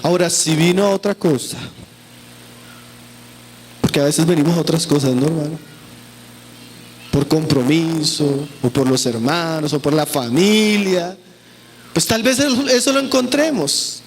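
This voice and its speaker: A man's voice: a little high, measured pace, long pauses, slight background noise. A man preaching a sermon at a church camp, earnest and pleading, speaking often to his listeners as brothers.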